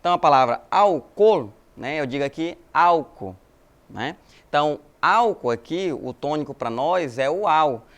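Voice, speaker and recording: Man, Brazilian, teacher, video lesson, fairly high voice, explanatory, friendly tag questions. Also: fairly quick. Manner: explanatory, addresses students as galerinha, frequent né tags. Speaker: Spanish teacher.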